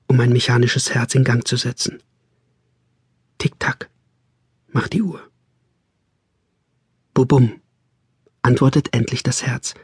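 Husky male audiobook narrator. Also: mid-range voice, darkish tone, no echo, studio quality. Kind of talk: scripted narration.

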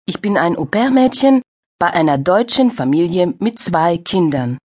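An actress playing a friendly young female participant in a scripted language-course dialogue, speaking slowly with clear diction. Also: fairly low pitch. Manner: slow, clear, lively intonation.

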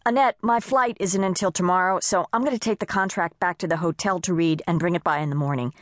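Brief: wisecracking young housewife, playful and quick, set a little higher than the narration, read by a woman. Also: no echo, clean studio sound, close to an everyday voice. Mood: teasing. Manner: wisecracking, teasing. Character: witty nervous pregnant American housewife.

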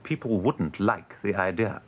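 In a radio drama, an actor plays a world-weary, sardonic English advertising copywriter showing a newcomer around, his manner dry and mock-pompous. The mood is brisk and jaded. His voice is fairly low and fairly bright, with lively intonation and a slightly slow delivery.

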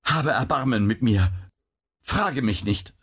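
A man's voice: medium pitch, animated, takes it slowly, a bit bright, slightly rough, pitched above the performer's own voice, exaggerated voice. A man voicing a worn-out mother of about forty who pleads with her son in fear, in a read-aloud storybook. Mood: desperate. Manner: pleading, frightened.

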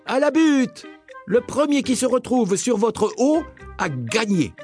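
A man voicing small excited children, shouting playfully in a very high voice. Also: slow pace, faint music behind, full character voice. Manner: shrill, shouting.

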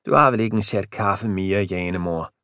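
A man's voice: fairly low pitch, pushed and bright, no room sound, clean studio sound. A man voicing a gaunt, balding old husband who is hearty and good-natured, in an audiobook. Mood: cheery.

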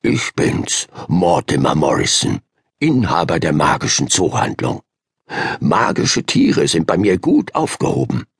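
A man voicing a kindly, mysterious older male owner of a magic pet shop in a children's audiobook, speaking gently and invitingly. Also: rumbling low, huge pitch swings, unhurried, slightly rough, no room sound, clean studio sound, voice pushed down, heavily acted. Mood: gentle. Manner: gentle, soft-spoken and inviting. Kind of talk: audiobook character voice.

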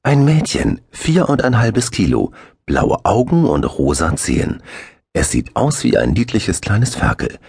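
A man voicing an overjoyed, tousled new father who babbles excitedly. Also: fairly low pitch, a little slow, husky, no room sound, clean studio sound, pitched above the performer's own voice, exaggerated voice.

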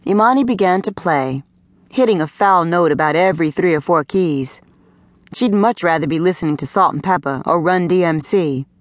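A woman narrating an audiobook in a smooth, conversational storytelling manner, close to a studio mic. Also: on the low side, no echo. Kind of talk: scripted narration. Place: recording studio.

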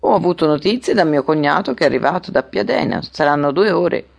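Gruff burly tax collector, cracked voice, slow and grave, as a woman narrator puts him on. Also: fairly high pitch, lively intonation, heavily acted. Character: tall gruff red-faced male tax collector.

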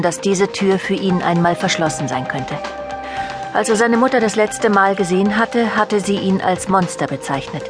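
A woman narrating a fantasy novel in a measured, dramatic storytelling manner. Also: medium pitch. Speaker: audiobook narrator. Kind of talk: scripted narration.

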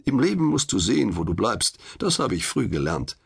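A male audiobook narrator tells the story in a wry, confiding first person. His low voice carries a gravelly, husky grain, and his pitch swings widely as he reads. The reading is expressive and intimate. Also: fairly quick.

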